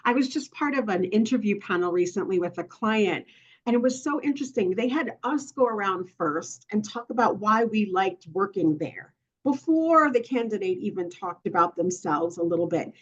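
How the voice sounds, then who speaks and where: A woman's voice: mid-range voice, lively intonation, normal speed, dull audio. A woman who works as a consultant and coach, answering a panel question conversationally over a video call, thinking aloud with fillers.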